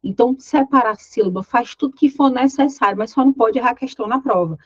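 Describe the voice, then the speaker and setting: A woman's voice: a little high, quick pace, breathy edge, no echo, muffled recording. A woman with a Brazilian Portuguese accent teaching an exam-prep grammar lesson, explaining step by step and often checking in with her students. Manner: voices imagined student questions.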